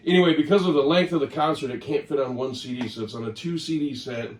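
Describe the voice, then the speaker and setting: A man's voice: mid-range voice, quick pace. A man with a mid-range voice talks casually, looping and self-correcting. The recording is roomy, with the mic some distance off. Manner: rambling, chatty, self-correcting. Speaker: record collector vlogger. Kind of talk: casual talk to camera.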